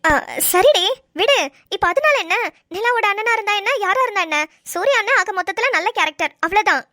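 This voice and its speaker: Cartoon: woman playing a blunt, carefree young friend; very high, dry close voice, brash delivery. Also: animated, brisk, pushed and bright, dry recording, full character voice. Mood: dismissive. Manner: brash, dismissive. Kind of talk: amateur cartoon voice acting.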